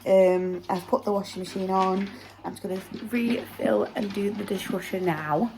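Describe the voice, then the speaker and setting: A woman's voice: medium pitch, steady tone, moderate pace, mellow, slight background noise. A young woman vlogging casually at home, rambling with lots of fillers and a slight sore throat. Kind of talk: casual vlog chat to camera.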